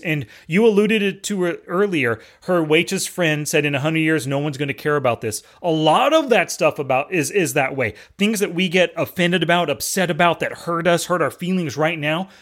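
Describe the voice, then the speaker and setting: A man's voice: on the high side, a bit bright. A man co-hosting a podcast in casual chat, steadily laying out life lessons. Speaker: podcast co-host.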